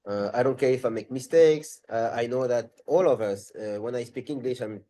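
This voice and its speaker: A man's voice: mid-range voice, moderate pace, warm tone, low-quality recording. A man with a French accent, a language tutor talking in a live webinar, thinking aloud and rephrasing as he goes.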